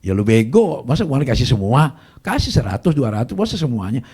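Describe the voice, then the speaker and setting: Blunt, bossy male friend, mellow and husky, as a preacher acts him out. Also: medium pitch, big pitch swings, fairly quick.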